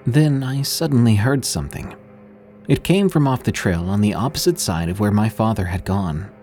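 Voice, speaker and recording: A man's voice: fairly low pitch, moderate pace, mellow. A man hosting and narrating scripted scary stories in an ominous late-night radio manner, with music behind him. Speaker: host and narrator. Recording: music under the voice.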